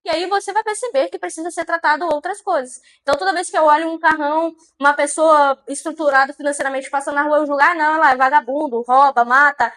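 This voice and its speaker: A woman's voice: high-pitched, steady tone, fast talker, hardly any pauses, a bit bright. A woman giving a motivational monologue on mindset, repeating phrases and asking the listener rhetorical questions. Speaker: mindset speaker.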